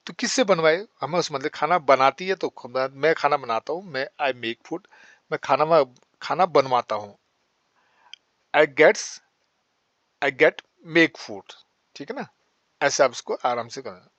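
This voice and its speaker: A man teaching spoken English, explaining in Hindi and saying English sentences slowly. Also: fairly high pitch, a bit bright, no echo, muffled recording.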